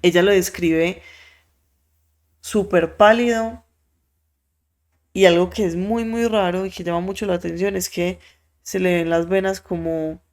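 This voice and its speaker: A podcast host, telling a story in an animated way, with many fillers and quoted voices acted out. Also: medium pitch, unhurried, long pauses. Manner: frequent filler words.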